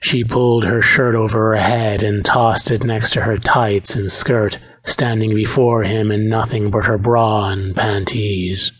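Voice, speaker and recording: A man reading a romance audiobook aloud, in a steady, measured narration. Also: fairly low pitch, husky. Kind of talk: scripted narration.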